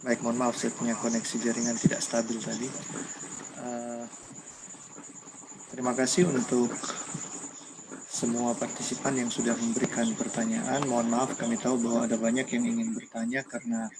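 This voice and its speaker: A man's voice: mid-range voice, flat delivery, normal speed, long pauses, noisy background. A man hosting an online seminar, speaking formally and politely. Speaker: host. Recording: online call with crickets behind.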